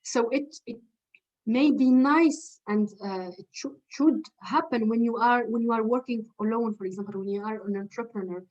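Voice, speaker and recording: Woman coach, higher register, patient step-by-step explainer who repeats her key questions; muffled lo-fi sound. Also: normal speed, a little mellow. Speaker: leadership coach. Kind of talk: webinar lecture.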